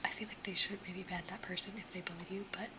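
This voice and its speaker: There's a noisy background behind this young American woman, an ASMR streamer whispering casually and chattily to her live stream viewers. Her voice is lowish, her intonation fairly even and her pace quick. She's a little sniffly, close to the mic, whispers softly throughout and laughs often.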